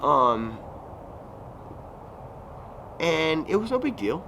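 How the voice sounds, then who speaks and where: A YouTuber in his thirties draws out his words in a fairly high, very animated voice. His casual, rambling vlog is full of fillers and self-corrections, and the noisy outdoor recording at a resort recreation area catches passing vehicles.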